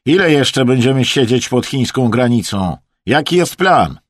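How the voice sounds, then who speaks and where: A man voicing a brash, mocking Russian camp cook with a Russian accent, drawing his words out loudly. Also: mid-range voice, big pitch swings, vocal fry, no room sound, clean studio sound, pitched above the performer's own voice, heavily acted. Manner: mocking, drawn-out and shouting.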